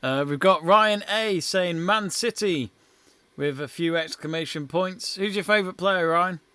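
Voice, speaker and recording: Young man, football watch-along host, casual chatty commentary, reads out viewer messages, smooth clear voice, dry close sound. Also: sits high, measured pace, pushed and bright, no echo.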